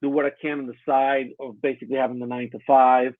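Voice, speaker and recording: Speaking quickly in a medium pitch, this Colombian-born, US-raised illustrator is a guest in a casual interview over a remote line. He sounds relaxed but hesitant, leaning on lots of fillers. The line is tinny and phone-like, dry, with no echo.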